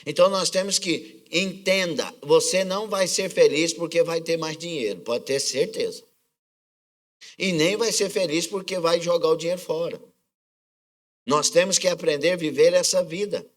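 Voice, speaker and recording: A man's voice: fairly high pitch, normal speed. A man with a Brazilian accent preaching a sermon as pastor, often asking the congregation questions and calling for their responses. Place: church service.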